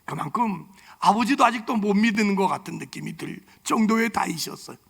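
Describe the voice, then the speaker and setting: A male pastor preaching a sermon in a church sanctuary, telling stories with animated delivery and joking with the congregation. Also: high voice, a little fast, creaky, husky.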